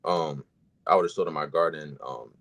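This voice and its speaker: Guest guy with a super deep, husky voice, easygoing and plainspoken. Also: moderate pace, a bit bright. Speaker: podcast guest. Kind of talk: casual podcast chat.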